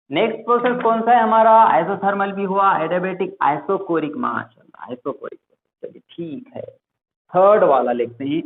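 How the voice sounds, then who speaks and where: A male teacher gives a classroom lecture. He keeps asking the class questions and then answers them himself. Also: sits high. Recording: echoey room over a tinny, phone-like line.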